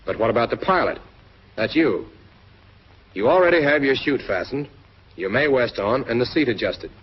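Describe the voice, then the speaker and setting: Speaking directly to the listener, a man with a medium-pitched, slightly rough voice gives scripted training-film narration in an instructive tone. It's recorded like a dull, lo-fi soundtrack from a 1940s film.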